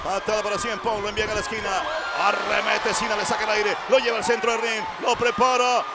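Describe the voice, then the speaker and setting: A man giving excited play-by-play wrestling commentary, shouting short, staccato calls. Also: sits high, fast talker, gravelly. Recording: loud arena crowd noise. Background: roaring arena crowd.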